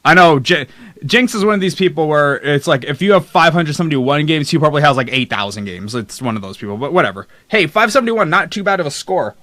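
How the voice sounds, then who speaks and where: A man's voice: on the high side, expressive, fast, bright, forceful tone, no echo. A young man streaming live, chatting casually and rambling through a list of games while reading the chat aloud. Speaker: streamer host. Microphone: desk mic close up.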